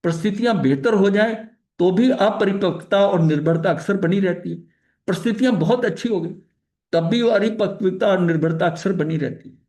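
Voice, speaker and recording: High-voiced man leading a study talk. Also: moderate pace, darkish tone. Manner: conversational teaching, often with repeated filler phrases and restarts; mixes English terms into explanations. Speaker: spiritual study leader. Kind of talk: explanatory religious study talk.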